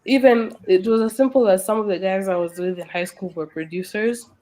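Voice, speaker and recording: A woman's voice: mid-range voice, brisk, warm tone, poor audio. A woman chatting casually and reflectively as an artist being interviewed. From Kenya. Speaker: hip hop artist, interview guest.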